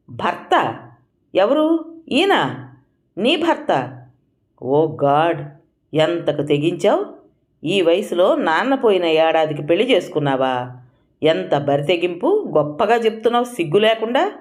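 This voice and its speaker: A woman reading an audio story, voicing an angry young adult son who shouts his scorn at his mother. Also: on the low side, big pitch swings, moderate pace. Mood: furious. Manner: shouting, contemptuous.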